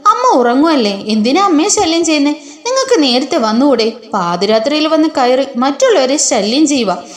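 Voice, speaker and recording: A woman's voice: high-pitched, sing-song, normal speed. A woman voicing a firm, teasing young wife in a retold story. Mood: retorting. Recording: roomy echo.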